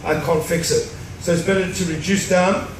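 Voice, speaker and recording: With a high-pitched voice, fairly even intonation and a moderate pace, this middle-aged chef walks a cruise ship audience through a recipe step by step at a live demonstration on the show stage, explaining as he goes and slipping in dry humor. The recording carries hall echo, distant-mic sound and noise.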